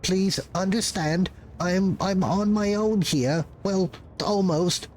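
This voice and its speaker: Man doing a high, frantic, stammering clerk. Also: a little mellow, slight background noise. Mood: anxious pleading. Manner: stammering, halting, pleading. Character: frantic, guilt-ridden, overworked male clerk with head implant. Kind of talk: improvised reading of game dialogue.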